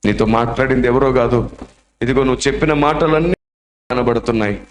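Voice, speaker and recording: A man's voice: medium pitch, a little fast, natural voice. Guy doing an old preacher crying on his knees, echoey church. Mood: tearful. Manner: tearful, pleading.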